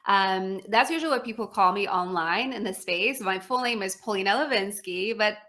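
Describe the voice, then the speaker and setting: A Polish woman in her thirties, a pediatric speech-language pathologist specializing in feeding, answers casual interview questions as a guest. Her mid-range voice is bright and forceful at a moderate pace. She's chatty, laughs easily, and fills her talk with fillers and restarts.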